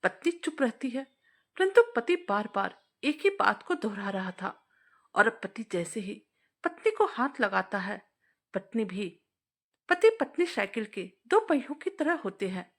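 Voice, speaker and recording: A woman narrating a scripted moral story in an expressive, moralizing storytelling manner. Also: a little high, a little slow.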